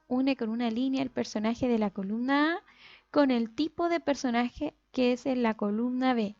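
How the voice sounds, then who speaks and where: A woman teacher giving a recorded lesson, explaining step by step in a patient way and slowly stretching out example words. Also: high voice, a little mellow, no room sound. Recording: dull lo-fi sound with faint music.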